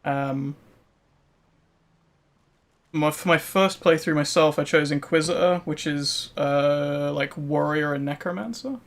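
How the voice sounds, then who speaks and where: A man streaming a game talks slowly in a voice on the high side, pausing often. He chats casually and answers viewers, using plenty of "um" and "like" in his gameplay commentary.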